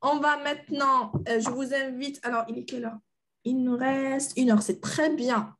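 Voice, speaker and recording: A woman's voice: high voice, steady tone, moderate pace. A woman teaching French in an online class over a video call, playful and encouraging, laughing often.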